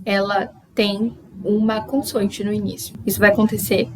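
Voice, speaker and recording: A young Brazilian woman giving a pronunciation lesson, explaining step by step and slowly repeating model words. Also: mid-range voice, level tone, noisy background. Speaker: English teacher.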